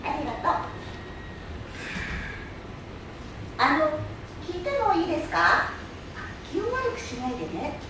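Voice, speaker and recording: Staged reading: actress as small boy prince, polite, curious, very high voice, heard in a very reverberant hall. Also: big pitch swings, fairly quick, bright, forceful tone, full character voice. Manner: childlike, earnest, polite. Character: innocent, curious little boy prince from an asteroid. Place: public hall stage, distant microphone. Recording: echoey hall from far off, faint noise.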